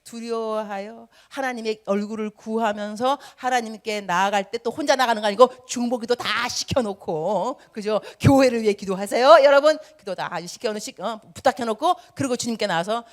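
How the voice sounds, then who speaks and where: A middle-aged woman preaching a lively Sunday sermon as a missionary, acting out whiny prayers and chatty asides. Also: on the high side, moderate pace, few pauses.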